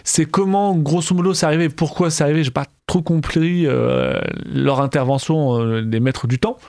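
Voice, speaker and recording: Man, slightly high voice, halting film-review chat, searching for words, dry close sound. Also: gravelly, darkish tone, no room sound. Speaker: film discussion podcast co-host.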